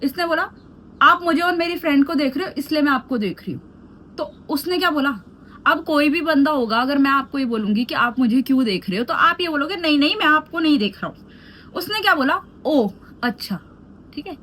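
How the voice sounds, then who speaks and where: A young woman with a high, light voice tells a story for her vlog, animated and chatty. She moves freely between Hindi and English. A faint hum of room ambience sits behind her. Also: fairly quick. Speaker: beauty vlogger. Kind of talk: storytime vlog while doing skincare.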